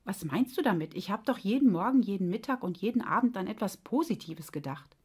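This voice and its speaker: A woman's voice: medium pitch, animated, fairly quick, darkish tone, slightly rough. A woman voicing a fretful, literal-minded male mind that sounds puzzled and sheepish.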